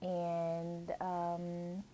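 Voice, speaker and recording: Speaking very slowly in a low-leaning, monotone, mellow voice, this thirties-aged bride-to-be cheerfully recalls growing up in Germany. The relaxed interview is chatty, full of laughs and fillers, and there's a little hiss or hum on the recording.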